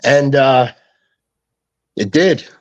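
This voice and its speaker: A man's voice: mid-range voice, drawn-out words, lo-fi sound. A young man, a guest telling loose, slangy stories and quoting people as he goes. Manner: loose, slangy, quotes others in voices. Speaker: guest, NFT co-founder. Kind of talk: casual storytelling.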